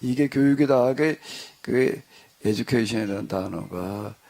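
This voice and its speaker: A middle-aged male pastor telling a story to his congregation in a relaxed, conversational way, acting out the dialogue as he goes. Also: medium pitch, normal speed, vocal fry. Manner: conversational, animated retelling with quoted dialogue. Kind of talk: storytelling in a church discussion.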